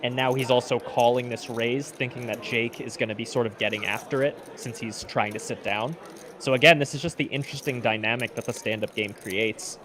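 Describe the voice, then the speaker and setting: A man's voice: mid-range voice, fairly even intonation, fairly quick, fairly bright tone. A man giving live poker commentary as a stream commentator, explaining the play in an analytical way. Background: poker players chattering.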